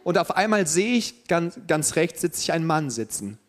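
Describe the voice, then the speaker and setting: A young man preaching a sermon to a congregation in a relaxed way, with joking asides. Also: a little high, normal speed.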